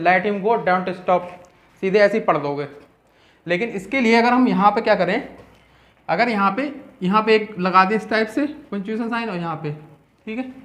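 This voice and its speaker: A man teaching an English grammar lesson in Hindi, explaining step by step and often checking in with a quick "ठीक है". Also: high voice, fairly bright tone.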